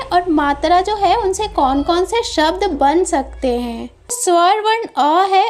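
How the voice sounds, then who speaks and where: High-voiced woman teaching slowly. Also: a little mellow. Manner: slow, patient, explains with drawn-out examples. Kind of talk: Hindi grammar lesson for children.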